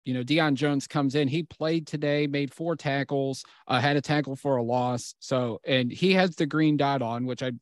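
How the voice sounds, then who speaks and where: Male co-host, calm analysis, dry close sound. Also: mid-range voice, normal speed, hardly any pauses, dry recording. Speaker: podcast co-host. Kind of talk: casual sports chat.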